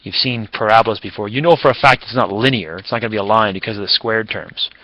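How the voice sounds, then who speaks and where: A man's voice: on the low side, fast talker, sharp tone, dry recording, poor audio. A man teaching a recorded math lesson in a casual, chatty way, with fillers and self-corrections.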